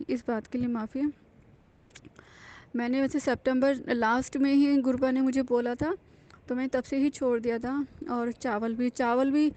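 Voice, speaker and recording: High, mellow-voiced woman giving earnest thanks. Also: muffled recording. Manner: earnest, confiding, with frequent fillers and restarts. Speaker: devotee sharing a testimony. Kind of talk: personal devotional testimony, casual.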